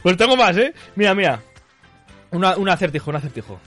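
A man doing a high, bright-voiced goofy guy with a tic. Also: sing-song, fast, soft background music, full character voice. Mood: playful. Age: 40s. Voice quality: repeats a filler tic after every phrase. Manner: boisterous, gets carried away. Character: silly excitable man with a verbal tic. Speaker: radio show guest running a riddle segment. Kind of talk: comic radio bit with a put-on character voice.

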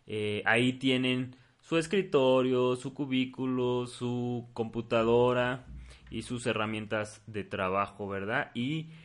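A man's voice: medium pitch, steady tone, slow, smooth. Hesitant man co-hosting a podcast. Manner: hesitant, many fillers and restarts. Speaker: podcast co-host. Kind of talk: casual podcast chat.

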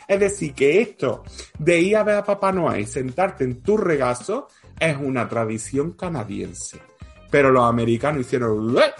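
Playful and jokey, a podcast co-host with a fairly high voice and a breathy edge laughs often while telling trivia in casual, story-driven chat.

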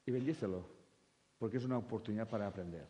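A man with a lowish voice talks fast in a big, echoing room. He's a spiritual speaker giving a funny talk to an audience, lively and crude, acting out quoted voices with coarse jokes.

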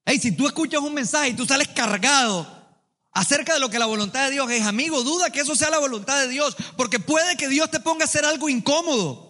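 A man preaching a sermon to a congregation, lively and colloquial, with joking asides, calling on the listeners to answer back. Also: very high voice, fairly quick. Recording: long hall reverb.

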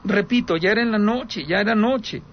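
A man with a noticeably high voice hosts a call-in radio show. He tells an eerie story as a drama, repeats the key points and talks straight to his listeners. The audio is dull and lo-fi, with a faint hiss of noise underneath. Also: moderate pace. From Aguascalientes, Mexico. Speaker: radio host taking calls. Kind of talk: telling a paranormal story on radio.

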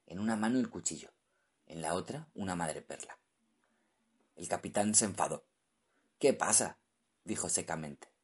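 A man reads a story aloud as an audiobook narrator, measured and steady. His voice is very deep, with a husky, slightly breathy texture.

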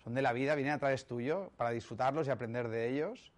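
Speaking quickly in a medium-pitched voice, a man delivers a motivational talk on personal growth, emphatic and rhetorical in style and often checking in with the audience.

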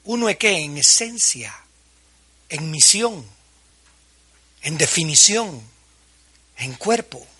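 A man delivers a sermon as a pastor, his voice bright and forceful with a husky grain. He sits a touch higher than the typical male voice, and he turns to his listeners with direct questions and plays out remembered conversations. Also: very animated, slow pace, long pauses. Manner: preaching to pastors, with questions and acted-out quotes.

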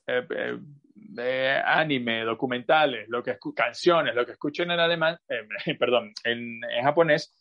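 A man's voice: medium pitch, a bit bright, dull audio. A man teaching a language class over a video call, explaining patiently with examples, asides and many fillers. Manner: drawn-out, repetitive phrasing with many fillers.

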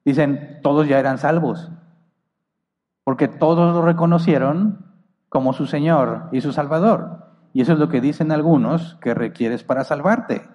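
A male preacher walks through scripture in a teaching tone, reading commentary passages and posing rhetorical questions to his listeners. His voice sits in a middle pitch with a mellow, darker colour. A long reverb trails behind his words. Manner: reads commentary passages aloud. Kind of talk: Bible teaching sermon.

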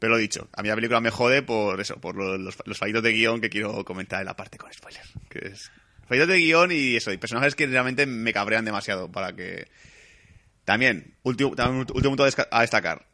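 A man reviewing a film in casual chat. He is animated, swears freely and acts out scenes. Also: on the low side, fairly quick.

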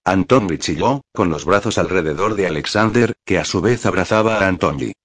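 A man narrating a novel as an audiobook, reading in a calm, measured way on a close mic. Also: deep voice, breathy edge. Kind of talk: scripted narration.

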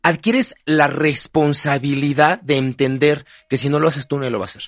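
A man's voice: on the high side, moderate pace, no room sound, studio quality. A man giving motivational advice as a radio guest, emphatic and coaching, often tagging lines with a questioning "right?". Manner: emphatic, coaching, rhetorical "¿no?" tags. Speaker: guest speaker, consultant. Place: radio studio.

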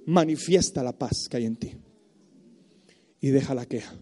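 A man preaching a sermon as pastor of a church, passionate, mimicking complainers and building to shouts. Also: medium pitch, normal speed. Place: church service.

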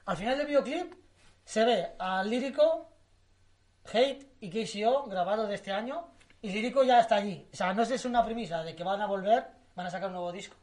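A half-hoarse man from Spain co-hosting a podcast in casual chat, joking, laughing often and swearing freely. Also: high-pitched, brisk, a little mellow. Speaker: podcast co-host.

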